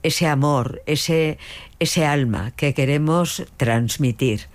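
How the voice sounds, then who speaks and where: In a deep voice and at a slow pace, an older, strong-voiced veteran of dubbing answers an interviewer's questions. Her replies are hesitant and full of fillers and restarts.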